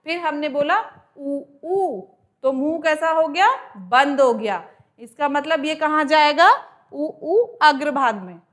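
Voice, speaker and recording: A high-pitched woman teaches an exam-prep grammar class at an unhurried pace. She explains step by step and draws sounds out slowly to demonstrate them. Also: fairly bright tone. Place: coaching class.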